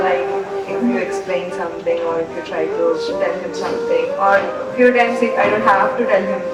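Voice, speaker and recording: Young woman, slow unhurried pace, hesitant fillers, roomy echo, mic far off, music behind. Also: mid-range voice. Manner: mixes Telugu and English, hesitant fillers. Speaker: bride. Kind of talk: wedding video interview.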